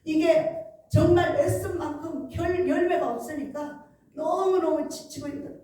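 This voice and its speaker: High-voiced woman preaching in an echoey hall. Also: steady tone, a little slow, warm tone, far from the mic, slight background noise. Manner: chatty storytelling, acts out quoted dialogue. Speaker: pastor. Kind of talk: revival sermon. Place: large church hall.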